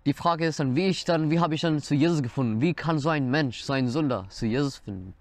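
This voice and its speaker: His voice sits on the high side and moves fast, with no echo at all. This Persian-speaking nineteen-year-old from Iran sincerely shares his own story in German with a slight accent, sitting indoors against a dark wooden wall, framed mid-shot by a camera in front.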